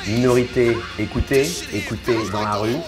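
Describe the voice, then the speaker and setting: A man's voice: mid-range voice, steady tone, moderate pace, lightly acted. A man playing a character who declaims slogans in a comedy sketch. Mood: declaiming. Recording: loud music over the voice.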